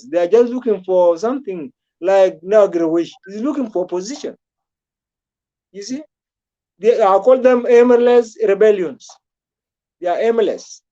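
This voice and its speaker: A man's voice: high voice, mellow, lo-fi sound. A man from South Sudan giving rambling, repetitive political commentary in a casual talk, with frequent restarts.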